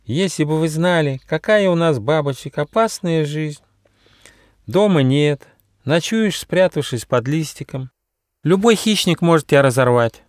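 A man voicing a delicate, emotional female butterfly in a children's audiobook, speaking in a high, sighing voice. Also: animated, a little slow, no room sound, clean studio sound. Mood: plaintive. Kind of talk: audiobook character voice.

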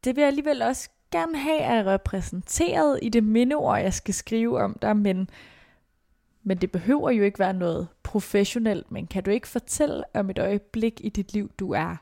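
Female interviewer; mellow tone, calm and guiding, dry close sound. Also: medium pitch, vocal fry, no echo. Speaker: podcast host and interviewer. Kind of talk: interview questions.

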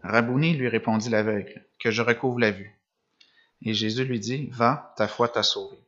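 A man's voice: medium pitch, steady tone, moderate pace, fairly bright tone. A man preaching a sermon, reading gospel passages and explaining them with rhetorical questions. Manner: reads passages then comments, with restarts and rhetorical questions. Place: church or meeting room with a screen behind him. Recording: dull lo-fi sound.

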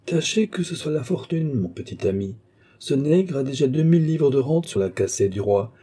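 A man's voice: mid-range voice, animated, moderate pace, dark tone, slightly rough, voice pushed up. A man voicing a mocking, commanding young court woman in an audiobook reading, with a teasing, condescending manner.

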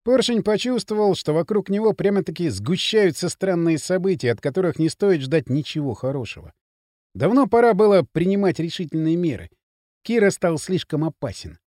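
A man narrating an audiobook with a dramatic, expressive reading. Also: sits high, no room sound, clean studio sound. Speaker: audiobook reader.

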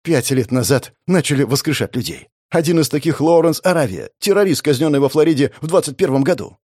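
A beaten, terrified thug babbles and begs in a stammering panic, as a male audiobook reader puts him on. His voice sits higher than the reader's usual tone. The sound is dry and close. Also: expressive, fairly quick, mellow, no room sound. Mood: panicked pleading. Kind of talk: audiobook character voice.

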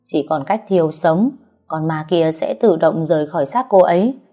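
A woman's voice: deep voice, moderate pace, dark tone, soft background music, close to an everyday voice. A woman voicing a self-assured old male exorcist who brushes off worry in an offhand way. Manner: offhand, confident, dismissive of worry. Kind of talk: audiobook character reading.

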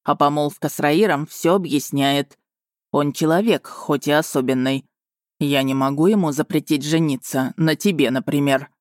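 A man voicing a commanding wolf lord who speaks steely, calm and sardonic in an audiobook. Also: fairly high pitch, normal speed, no room sound, clean studio sound, natural voice. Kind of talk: audiobook dialogue reading.

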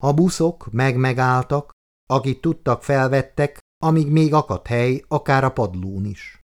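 Male audiobook reader, calm and measured, middle-pitched voice. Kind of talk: scripted narration.

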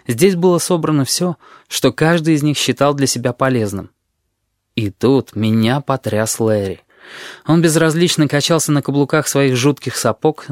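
A man's voice: mid-range voice, dry recording. Dry, close male audiobook narrator. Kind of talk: first-person audiobook narration.

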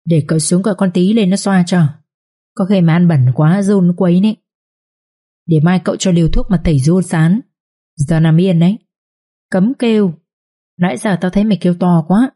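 A woman's voice: lowish voice, moderate pace, pauses often, dark tone, lightly acted. A woman voicing a stern young male master who is a doctor, curt and scolding, in a read-aloud story. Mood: bossy. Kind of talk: audiobook story reading.

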